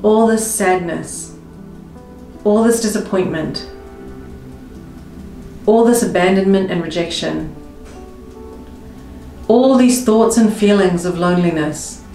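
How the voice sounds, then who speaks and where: A tapping coach with a warm, mid-range voice leads a slow guided tapping script in first person, full of repetitive, emotive affirmations. The recording is roomy, with faint music behind her.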